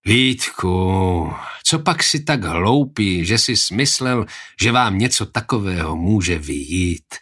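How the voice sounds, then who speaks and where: A calm nobleman speaks with measured, gently reproachful authority, in a male reader's own low voice. His lines sit close to the narration, deliberate and steady, as in a historical storybook. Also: slightly rough, exaggerated voice.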